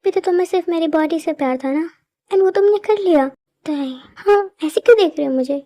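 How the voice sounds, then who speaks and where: A furious young wife in a fan-made audio drama, voiced by a woman. She throws bitter accusations in a very high, strained voice. The hurt cuts through every line. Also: a little fast, warm tone.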